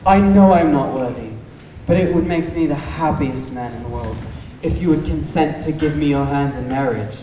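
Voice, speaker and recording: A man playing a vain, wealthy gentleman rehearsing a proposal in a pompous stage-comedy manner. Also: a little high, moderate pace, lightly acted. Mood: grandly romantic. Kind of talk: stage musical comedy acting. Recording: echoey stage from far off, noisy.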